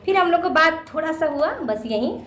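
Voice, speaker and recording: A young woman vlogger tells her viewers a personal story in a casual, chatty way. She has a slightly high voice, repeats her phrases and acts out the lines of the people in the story. The recording is echoey, with a faint room hum behind her. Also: expressive, brisk, a bit bright.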